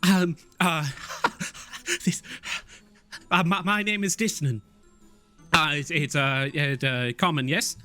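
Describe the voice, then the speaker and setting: A man doing a stammering, excitable halfling. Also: on the high side, slow, faint music behind, pitched above the performer's own voice. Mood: excited. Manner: stammering, gushing, eager.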